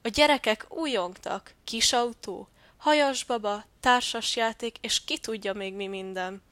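A woman's voice: on the high side, a bit bright, no echo. A woman voicing a cheerful little female great tit who chirps happily, in a storybook reading.

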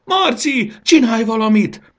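A man voicing a tiny, brave and excitable fairy girl in a storybook reading, with high shrill cries. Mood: panicked. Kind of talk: audiobook character voice.

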